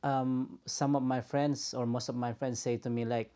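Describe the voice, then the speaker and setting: A woman's voice: extremely low pitch, level tone, moderate pace, dark tone. A woman from the Philippines whose Filipino accent is tinged with English, co-hosting a podcast and asking curious questions. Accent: Filipino with some English accent. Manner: curious, asks follow-up questions. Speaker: podcast host. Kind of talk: casual chat.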